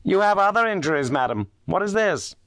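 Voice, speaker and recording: A man voicing a keen, sharp-eyed detective who asks short, probing questions in a lifted voice. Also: mid-range voice, sing-song, a little slow, no room sound, clean studio sound, pitched above the performer's own voice.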